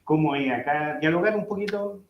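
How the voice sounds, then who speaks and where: A man's voice: a little high, moderate pace, dull audio. Man moderating in an echoey room. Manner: relaxed, hesitant with fillers. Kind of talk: hosting an online colloquium. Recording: echoey room with faint noise.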